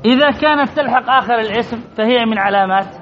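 High-pitched guy teaching grammar, keeps repeating stuff and quizzing the class, muffled lo-fi sound. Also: quick pace, a little hiss or hum. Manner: emphatic, repeats key points, quizzes students. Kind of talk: classroom lesson.

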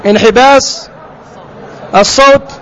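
A man with a very high voice leads a tajweed lesson. He quizzes his students and says letter sounds over and over for them to copy. The recording is dull and lo-fi, made outdoors. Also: takes it slowly, a bit bright, a faint crowd, a little hiss or hum. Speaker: Quran recitation teacher.

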